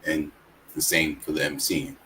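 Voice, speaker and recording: A man interviewing two guests, asking short questions. His voice is extremely low and deep, and he keeps his delivery calm and brief. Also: normal speed, crowd noise, poor audio.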